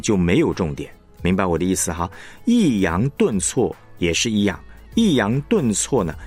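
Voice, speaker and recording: A man teaching announcing technique on the radio, emphatically demonstrating word stress with example words. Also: fairly low pitch. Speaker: radio broadcasting instructor.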